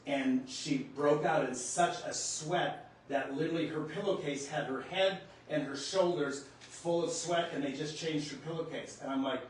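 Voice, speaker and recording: Brief: earnest man, slightly higher voice, telling a personal story in a very echoey home room, mic set back, faint hum. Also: far from the mic. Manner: earnest, halting, reliving the moment. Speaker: spiritual storyteller. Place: room in his home near the kitchen.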